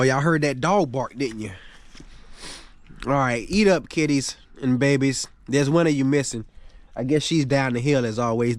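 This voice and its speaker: A man's voice: on the high side, no echo. A man, a farmer talking casually to his viewers. He is outdoors on his farm and in a tractor, chatty and playful, chuckling between remarks. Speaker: farmer vlogger. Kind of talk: casual vlog narration. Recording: steady engine and vehicle noise.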